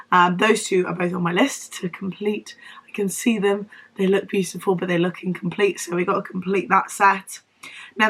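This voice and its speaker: Her mid-range voice is sharp, husky, wheezy and strained: this young Devon book vlogger with a southern English accent is ill and losing her voice. She chats casually to camera, rambling and putting herself down.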